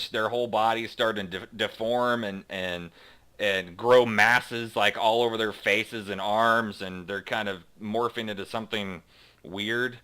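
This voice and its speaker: A man narrating as game master of a tabletop role-playing game, reading out scenes slowly and dramatically and chatting casually with his players between them. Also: fairly low pitch, pushed and bright, clean tone. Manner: slow dramatic read-aloud narration, then halting casual asides.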